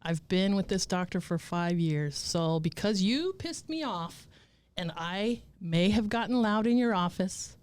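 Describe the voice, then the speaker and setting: A woman in her fifties telling stories as a guest in a casual interview, blunt, profane and animated. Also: medium pitch, a little slow, clean tone. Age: 50s. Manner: animated storytelling.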